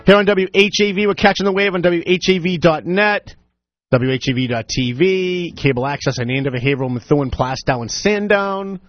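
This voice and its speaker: A man hosting a talk radio show, giving opinionated commentary with sarcastic, animated asides. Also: sits high, fairly quick, no echo, dull audio, faint music behind. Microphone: studio microphone.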